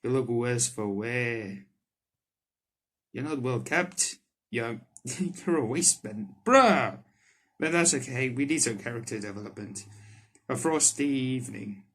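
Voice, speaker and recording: A gaming YouTuber with a medium-pitched, slightly bright voice hosts a video in which he reads visual novel text aloud. He's expressive and slow, with long pauses, reacting out loud to what he reads in informal, slangy language with swearing.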